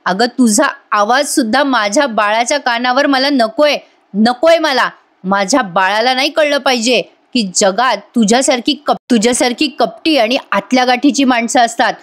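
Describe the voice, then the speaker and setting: A woman playing a young expectant mother who snaps with open contempt. The voice sits high and dismissive. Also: moderate pace, lightly acted. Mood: contemptuous. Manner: snapping, dismissive.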